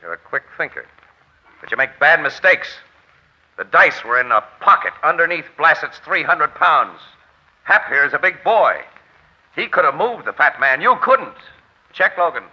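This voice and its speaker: An actor playing a wry, shrewd American crime photographer in a 1940s radio drama, with a dry, sardonic delivery. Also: male voice, fairly high pitch, sing-song, normal speed, bright, forceful tone, slightly rough, full character voice. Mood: pointed, accusing. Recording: muffled vintage radio recording, faint music.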